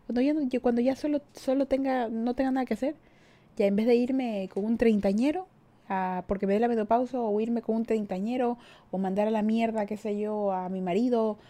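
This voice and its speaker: Her voice is fairly high and dark-toned, with fairly even intonation and a brisk pace. She's a young podcast host in her twenties with an Ecuadorian Spanish accent, casually reading listener comments in a giggly, self-mocking way and laughing often.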